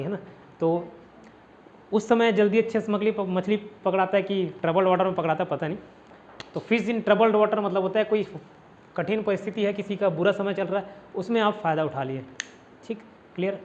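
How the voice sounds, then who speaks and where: A man's voice: sits high, fairly quick, darkish tone, muffled recording, a little hiss or hum. A man from India teaching a casual vocabulary lesson in a classroom, explaining each word with repeated rhetorical questions.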